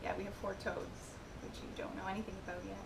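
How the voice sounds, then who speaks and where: A woman's voice: little pitch movement, fast, vocal fry. Young woman reading viewer questions, echoey room. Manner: chatty, reads questions aloud, giggly asides. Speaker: vlogger answering viewer questions. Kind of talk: casual Q&A chat. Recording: echoey room with noisy rumble.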